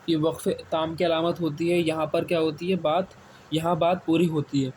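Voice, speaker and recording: Male Quran teacher repeating questions slowly. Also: on the high side, level tone, darkish tone. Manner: asks questions and answers them himself, repeats key words slowly. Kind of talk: step-by-step classroom explanation. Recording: faint background noise.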